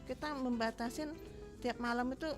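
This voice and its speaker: A woman guest on a radio talk show, explaining her craft in an unhurried, step-by-step way. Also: on the high side, steady tone, music in the background. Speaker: guest, crochet shop owner.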